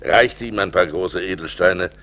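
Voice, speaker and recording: In a German audio play, a lead actor and narrator plays a fearful yet resourceful seafaring adventurer recounting his perils. His low voice is a little slow and exaggerated, and his theatrical, suspenseful, expressive delivery carries a reassuring mood. The audio comes from a vinyl record transfer.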